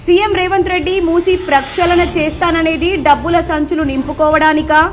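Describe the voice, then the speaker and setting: High-voiced woman reading news headlines. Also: fairly even intonation, soft background music. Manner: measured formal newsreading. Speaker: news anchor.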